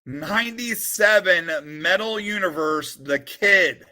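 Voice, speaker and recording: A man streaming live as he sorts through a collection, calling out names with bursts of excitement and then dropping into quiet muttered asides. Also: high-pitched, slow. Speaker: sports card streamer opening a collection. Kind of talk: live-stream commentary while sorting cards.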